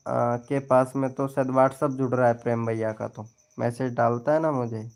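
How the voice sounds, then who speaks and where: A young man with a smooth, clear voice at an ordinary middle pitch, hosting a casual live stream. He chats loosely and teases his viewers, talking straight to them by name. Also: darkish tone. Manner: chatty, teasing, talks straight to viewers.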